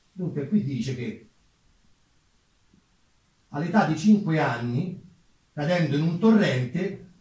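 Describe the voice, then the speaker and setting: With a fairly high, slightly mellow voice, a Roman-accented Italian man performs history as a solo theatre narrator. He plays to the audience with colloquial, ironic asides, and the distant microphone captures a very echoey room.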